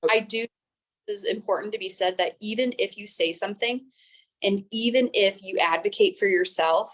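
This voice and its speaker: A young woman in her twenties talks as a teacher and interview guest. Her delivery is calm and level, with little rise and fall. She speaks at a middle pitch and keeps a steady, measured pace. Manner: calm, even-toned speech. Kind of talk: interview conversation.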